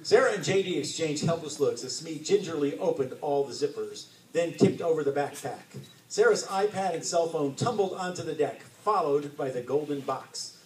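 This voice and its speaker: Expressive man reading aloud in a bookstore. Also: fairly high pitch, moderate pace. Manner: expressive narration. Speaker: author. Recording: roomy, distant mic, faint hiss.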